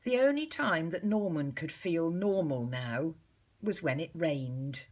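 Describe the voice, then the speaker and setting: A low-pitched woman reads a storybook aloud to young children in the manner of a schoolteacher. She is expressive and measured, pausing deliberately.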